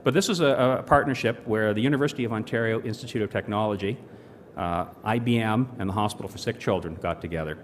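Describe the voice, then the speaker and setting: A man with a fairly low voice gives a conference talk, meandering through fillers, restarts and dry joking asides. His voice rings with long reverb from a large hall, and a faint hiss sits under it. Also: fast talker. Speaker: corporate presenter. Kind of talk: conference presentation.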